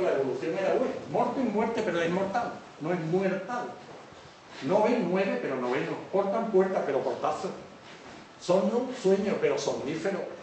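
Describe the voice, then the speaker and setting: A man's voice: on the high side, darkish tone. A man with a somewhat raised voice lectures to an audience, stopping often to check that they follow. He is heard from a distance in a very echoey hall. Faint noise sits under the recording. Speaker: teacher. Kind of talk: public lecture on word origins.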